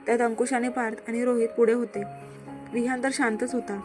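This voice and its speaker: A woman's voice: a little high, level tone, fairly quick. A woman reading a romantic serial story aloud, voicing all the characters herself without much change in her voice. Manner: reads every character herself with little change in voice. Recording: music bed under voice.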